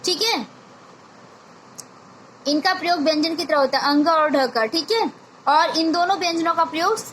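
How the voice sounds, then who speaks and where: A woman's voice: very high-pitched, moderate pace, a bit bright, a little hiss or hum. A woman teaching a grammar lesson to young children, repeating each point and asking questions she answers herself, mixing in English words.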